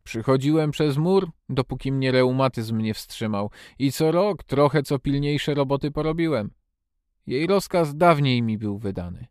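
A man voicing a stubborn, loyal old male gardener in a storybook reading, speaking slowly with emphasis. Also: medium pitch, a little mellow, dry recording, clean studio sound, natural voice.

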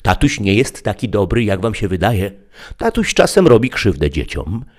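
A man voicing a sly, smooth-talking male stranger who tempts a child with coaxing words. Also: lowish voice, very animated, moderate pace, a little mellow, voice pushed up.

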